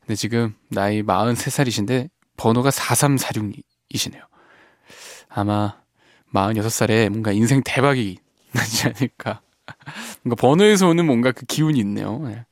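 A man hosting a radio show in a studio, reading listener messages and reflecting on them in a soft, gentle way that often trails off quietly. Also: medium pitch, normal speed, no room sound. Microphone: studio microphone.

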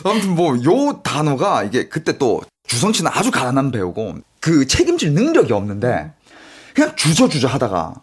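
A man in casual chat, explaining popular catchphrases and acting out movie lines with animated energy. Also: mid-range voice, normal speed, husky. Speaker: guest explaining Chinese pop culture.

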